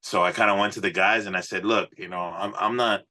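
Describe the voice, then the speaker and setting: A musician and singer being interviewed on a podcast speaks in a low, forceful voice with a steady tone at a fairly quick pace. He's earnest and informal, telling his story loosely with small fillers scattered through it.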